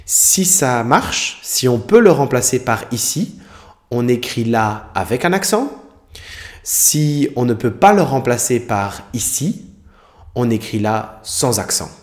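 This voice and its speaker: A male teacher gives a French spelling lesson at a slow, deliberate pace. His voice sits in an ordinary middle pitch, and he works through each example patiently, spelling out letters as he goes. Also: big pitch swings.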